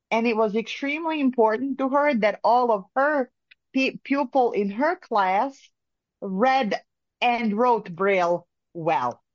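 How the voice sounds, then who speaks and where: A woman from Bosnia, speaking in a halting way with many pauses and fillers as a caller in a phone-in discussion. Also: a little high, no echo. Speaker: caller sharing experience. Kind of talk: casual phone-in talk. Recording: muffled lo-fi line.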